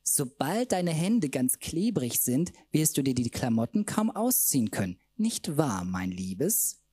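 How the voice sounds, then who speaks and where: A man's voice: medium pitch, big pitch swings, a little slow, dark tone, slightly rough, dry recording. A man voicing a boisterous, tipsy female drag queen friend, squealing and cheeky.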